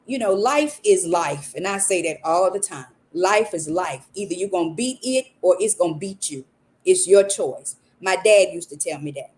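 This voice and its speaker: A woman's voice: on the low side, expressive, normal speed, darkish tone. A woman hosting a podcast, giving an earnest, faith-based motivational talk and repeating phrases for emphasis. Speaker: podcast host.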